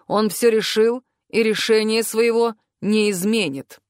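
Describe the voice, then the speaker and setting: Woman playing a stern calm academy director. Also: on the high side, no room sound, studio quality, close to an everyday voice. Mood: calm commanding. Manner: calm, hard, measured.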